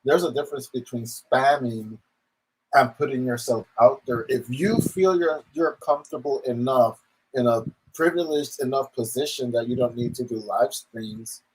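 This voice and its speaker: A man's voice: medium pitch, moderate pace, darkish tone, a little hiss or hum, poor audio. Man on a rambling, casual rant. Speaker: online commentator.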